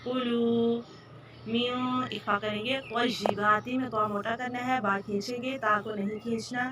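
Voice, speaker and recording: Woman, slightly high voice, tajweed teacher, patient step-by-step explanations, recorded a bit away from the mic. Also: fairly even intonation, moderate pace, recorded from a distance, background noise. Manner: patient, instructive, repeats correct and wrong pronunciations. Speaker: Quran recitation teacher. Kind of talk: tajweed lesson.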